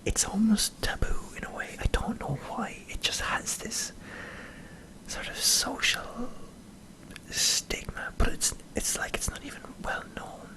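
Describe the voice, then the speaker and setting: An Irish man in a hesitant, self-deprecating ASMR ramble, speaking in a breathy whisper close to the microphone. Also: high-pitched, lively intonation, unhurried, sharp tone, poor audio. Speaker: ASMR video creator. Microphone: close microphone in front of a camera.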